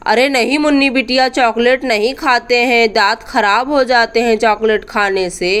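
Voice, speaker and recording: A woman voicing a fond old village grandfather in a doll story, doting and softly scolding. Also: a little high, steady tone, normal speed, clear, resonant tone, close to an everyday voice.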